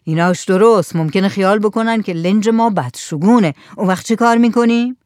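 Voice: medium pitch, darkish tone, clean tone, no echo, studio quality, lightly acted. A reader voicing a cautious old village headman. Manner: worried, careful.

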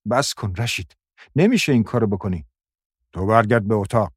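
A man voicing a desperate young woman begging a man to stop, in a raised, husky voice. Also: on the low side, lively intonation, no echo, clean studio sound. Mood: urgent. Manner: pleading, breathless.

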